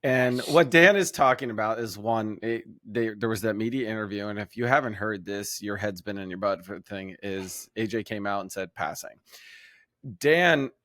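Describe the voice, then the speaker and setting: Laughing, lively sports podcast host. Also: male voice, on the low side, no room sound, clean studio sound. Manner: laughs easily, quick and lively, bursts louder when excited. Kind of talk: casual sports talk.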